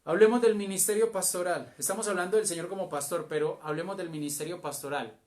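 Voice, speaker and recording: A man with a Colombian accent preaching a sermon as a church elder, slow and deliberate with emphatic phrases. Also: high-pitched.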